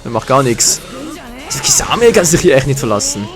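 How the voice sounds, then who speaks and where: A man with a German accent giving excited live commentary over a fighting game, groaning and swearing at his misses. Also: mid-range voice, fast talker. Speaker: gaming commentator. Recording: game music behind. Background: faint game music.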